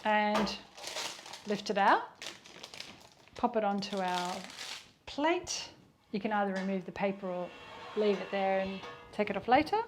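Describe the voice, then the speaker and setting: A woman's voice: medium pitch, measured pace, long pauses, noisy background. A woman hosting a casual home baking tutorial, chatty and encouraging, talking the viewer through each step in her kitchen. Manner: chatty and encouraging, talks while eating. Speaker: home baking channel host.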